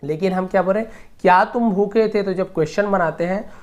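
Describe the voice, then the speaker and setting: A man teaching English grammar, patiently repeating each example slowly word by word. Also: sits high. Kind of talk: explaining grammar lesson.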